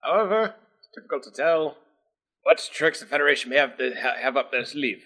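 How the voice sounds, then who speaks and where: A man's voice: medium pitch, animated, brisk, sharp tone, pitched above the performer's own voice, poor audio. A man voicing a mostly robotic male ensign in a mechanical, robotic voice during a tabletop roleplay. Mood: dutiful. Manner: mechanical, clipped delivery.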